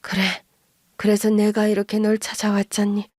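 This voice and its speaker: A woman's voice: medium pitch, completely flat delivery, moderate pace, darkish tone, dry recording, clean studio sound, lightly acted. A woman voicing an older grandmother who pleads and apologizes in a coaxing way. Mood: pleading.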